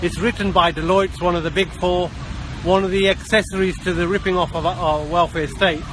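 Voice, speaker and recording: A British doctor and campaigner speaking emphatically in a street interview outdoors. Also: male voice, high-pitched, fairly even intonation, brisk. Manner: emphatic, urgent. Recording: street traffic noise behind.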